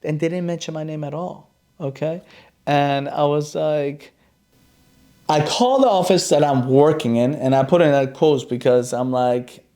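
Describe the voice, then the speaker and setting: A man with a slightly raised pitch and a gravelly, fry-laden texture tells his own story in a casual podcast monologue. He stays animated and acts out the quoted dialogue as he goes. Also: unhurried. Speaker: chiropractor and podcast host.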